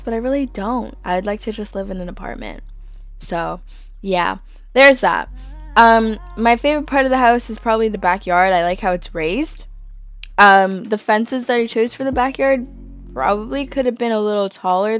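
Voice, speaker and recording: Rambling young woman with faint music. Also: mid-range voice. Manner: rambling, filler-heavy, giggly. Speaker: Sims speed build creator. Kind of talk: casual voice-over commentary.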